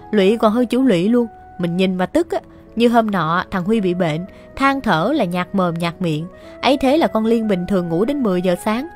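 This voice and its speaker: Female radio storyteller; chatty, gossipy, exasperated, slightly high voice over faint music. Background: soft music.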